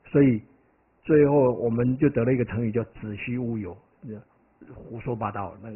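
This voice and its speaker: A man's voice: medium pitch, normal speed. A man, a Buddhist monk, gives a conversational dharma lecture, often asking his listeners "right?" and wandering into stories. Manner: animated, digressive storytelling. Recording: tinny, phone-like lo-fi recording.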